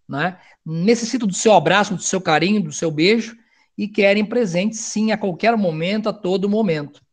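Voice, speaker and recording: A middle-aged man, a family counselor giving a loud, animated talk to parents. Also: sits high. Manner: loud, animated, talks of speaking loudly.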